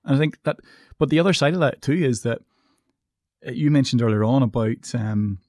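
Reflective man with a mellow voice. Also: medium pitch, brisk, dry recording, studio quality. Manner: reflective, explains his views at length. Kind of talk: casual chat.

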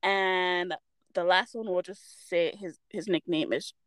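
A woman co-hosting a casual podcast chat, telling stories in an animated, giggly way. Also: lowish voice, takes it slowly, a little hiss or hum, rough recording. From Utah, US. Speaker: podcast co-host.

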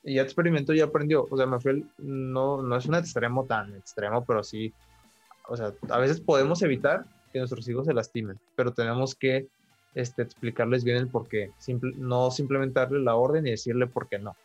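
A man's voice: mid-range voice, steady tone, brisk, dry recording, soft background music. Man, casual podcast talk, thoughtful, filler words, dry slightly muffled recording. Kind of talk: casual conversation.

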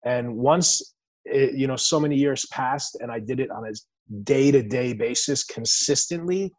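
A bodybuilder in his forties, born in Iran and raised in the U.S., tells his life story as an interview guest. He is earnest and reflective, with many restarts, speaking at a moderate pace in a medium-pitched voice with no echo.

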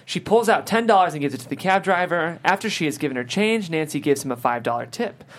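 This is a narrator reading a screenplay's scene headings and action lines as scripted narration. The voice sits in the mid range, with lively intonation and a quick pace.

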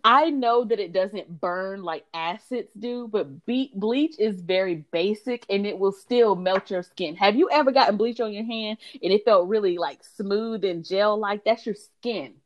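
A woman co-hosting a podcast in casual chat, emphatic and drawn-out on her stresses. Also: mid-range voice, lo-fi sound. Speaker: podcast co-host.

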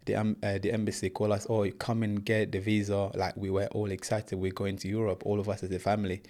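Interview guest: young man from Congo, English not his first language, lowish voice, earnest storyteller. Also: completely flat delivery, brisk, mellow. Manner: earnest, plain storytelling, says "bro" often. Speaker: guest, professional boxer. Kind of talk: casual interview.

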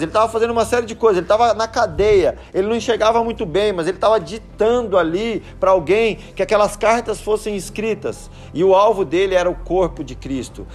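A man giving a sermon as a pastor, shifting between Scripture and casual family stories. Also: high-pitched. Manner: conversational, anecdotal preaching.

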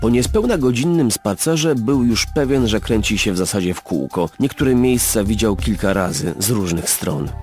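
A man narrating a story in a measured, expressive storytelling manner. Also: fairly low pitch, faint music behind. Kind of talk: scripted audiobook narration.

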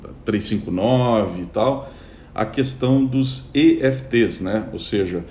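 Chatty low gravelly man hosting. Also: darkish tone, roomy sound, slight background noise. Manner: chatty, many fillers and restarts. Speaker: podcast host. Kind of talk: casual news roundup.

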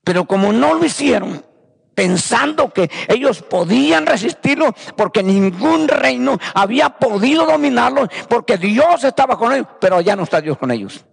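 A man's voice: very high voice, sing-song, normal speed, vocal fry, breathy edge, in a large hall. A man preaching a fervent sermon, repeating phrases and calling his listeners brothers. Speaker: pastor.

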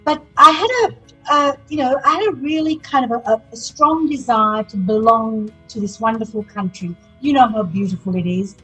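A woman in her sixties, from Sri Lanka, tells her story as a podcast guest with a lively, candid manner. Her voice is somewhat husky and pitched a bit high, with faint music underneath. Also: moderate pace, low-quality recording. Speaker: city councillor, guest. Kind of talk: podcast interview.

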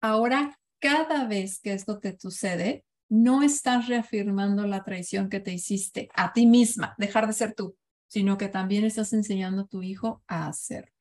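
A woman's voice: mid-range voice, normal speed, darkish tone. A woman leading a parenting workshop, speaking reflectively and often asking her listeners questions. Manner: reflective, asks the audience questions. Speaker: parenting coach. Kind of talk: live online workshop talk.

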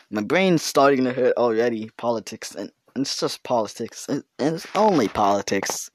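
A man's voice: medium pitch, no echo. A teenage boy with a stutter rambling through a casual solo podcast in his bedroom, full of fillers and self-interruptions. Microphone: home podcast mic.

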